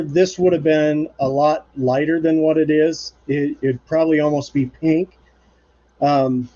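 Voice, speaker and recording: A man with a mellow, fairly high voice hosts a live woodturning demonstration from his home woodshop. He talks casually and rambles with plenty of fillers and restarts, and the stream audio is muffled and lo-fi.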